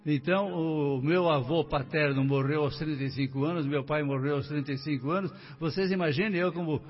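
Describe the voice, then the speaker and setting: An older Brazilian man tells his life story as a radio guest, turning now and then to speak straight to the listeners. His voice sits a little high for a man and has a husky edge. He sounds set back from the mic, and the radio recording is dull and muffled. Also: fairly quick, distant mic, faint music behind. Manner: warm storytelling, addressing listeners directly. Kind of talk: casual radio interview.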